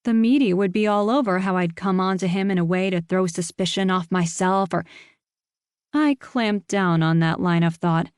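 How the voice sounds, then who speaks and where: Woman reading a first-person cozy mystery, lively and self-mocking, low-ish pitch, dry studio sound. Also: normal speed, clean tone, dry recording. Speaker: audiobook narrator.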